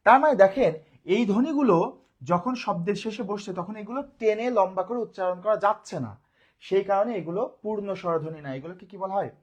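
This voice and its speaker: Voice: medium pitch, fast talker, dull audio. A grammar teacher, giving a live online lesson, who often asks the class a question and answers it, repeating key points.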